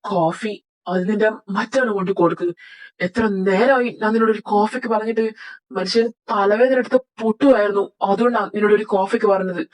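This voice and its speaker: A woman's voice: mid-range voice, fairly quick, natural voice, rough recording. A woman voicing a rude, short-tempered young male boss who scolds his assistant. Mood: scolding. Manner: scolding, domineering. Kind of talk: Malayalam fan audio drama.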